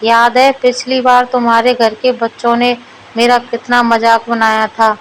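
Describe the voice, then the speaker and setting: A woman's voice: on the high side, monotone, a little slow, slight background noise, natural voice, poor audio. A woman voicing a lazy, gluttonous fat man who grumbles and scolds his servant in a storybook. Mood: grumbling.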